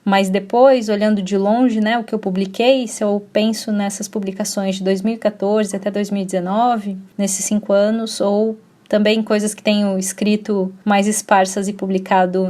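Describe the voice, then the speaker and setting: A woman author talks about her writing in a measured way, pausing now and then to hesitate. Her voice is mellow and stays fairly flat. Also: mid-range voice. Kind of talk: recorded personal reflection.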